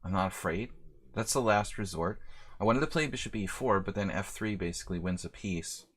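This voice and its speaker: A man with a low, slightly rough voice talks briskly while live-streaming a chess simul. His commentary is chatty and self-deprecating as he thinks aloud about his moves.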